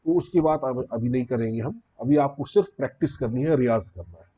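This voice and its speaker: A man's voice: medium pitch, brisk, muffled recording. A man teaching a beginners' tabla lesson, explaining rhythm patiently and reciting drum syllables one by one. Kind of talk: spoken music lesson.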